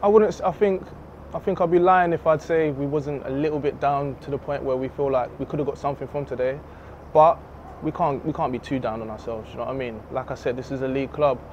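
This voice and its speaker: A young footballer speaks into a handheld mic in the stands of an empty outdoor stadium. He talks in a relaxed, candid way at a medium pitch. The audio is a little dull and carries a faint hiss of outdoor noise. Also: fast talker. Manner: relaxed, candid, laughs easily. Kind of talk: post-match interview. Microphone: handheld reporter mic.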